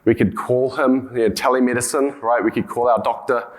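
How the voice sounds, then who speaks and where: A man's voice: mid-range voice, fairly even intonation, a little fast, low-quality recording. New Zealand man giving an informal conference talk. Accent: broad New Zealand (Kiwi). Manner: hesitant, often repeating words and circling back with hedges. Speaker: conference speaker, company co-founder and CEO.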